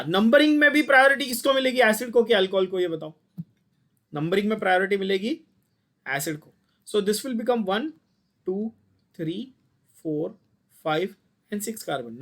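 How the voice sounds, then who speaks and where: Man, high voice, chemistry teacher, online class, blunt, quizzing. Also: fairly bright tone. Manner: mixes Hindi and English, quizzes students constantly, blunt and scolding.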